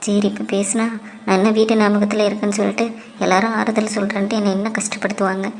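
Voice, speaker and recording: A woman's voice: high voice, level tone, a little fast, mellow, slight background noise. A woman voicing a sad young wife in a cartoon who misses her mother, speaking in a plaintive, tearful way. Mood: worried. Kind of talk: cartoon voice acting.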